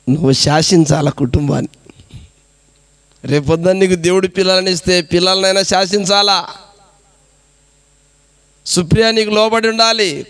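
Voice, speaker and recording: A man's voice: sits high, a bit bright, no echo. A man preaching a sermon as a pastor, exhorting the congregation with rhetorical questions. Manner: repetitive preaching cadence.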